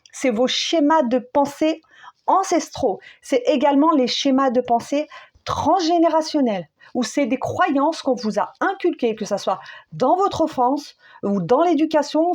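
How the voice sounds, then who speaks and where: A woman giving a spiritual tarot guidance, speaking slowly and searching for words, with many fillers and repeated phrases. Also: high-pitched, a little mellow. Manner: slow, soothing, repeats key phrases. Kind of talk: spontaneous spoken guidance.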